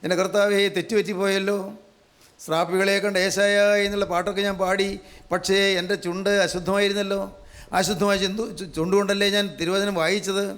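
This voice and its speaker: A man's voice: high voice, fairly bright tone, clean tone. A male preacher giving a fervent sermon, emphatic and repetitive, often asking his listeners questions. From Kerala, India. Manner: emphatic, repeats phrases, asks the audience questions.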